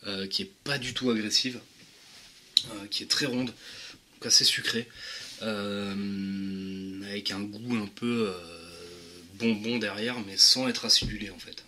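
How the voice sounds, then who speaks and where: A man giving a casual product review, talking in a slangy, halting way with many restarts. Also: on the low side, pushed and bright. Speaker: vape juice reviewer.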